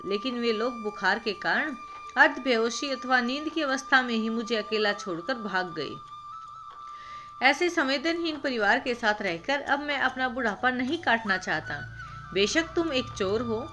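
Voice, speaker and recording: A woman's voice: a little high, sharp tone. A woman reading a storybook voices a frail, sick old village man who pleads with a visitor. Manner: pleading, then earnest and heartfelt. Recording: background music.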